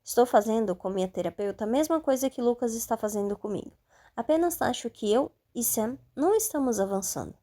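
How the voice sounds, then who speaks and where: A woman reading a first-person audiobook in a calm, steady way. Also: a little high, fairly quick. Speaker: audiobook narrator.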